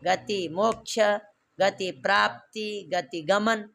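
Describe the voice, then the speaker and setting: A man's voice: high-pitched, steady tone, slow pace, creaky, bright, forceful tone, faint music behind. A man teaching Sanskrit grammar to a class, repeating verb forms and quizzing students with questions.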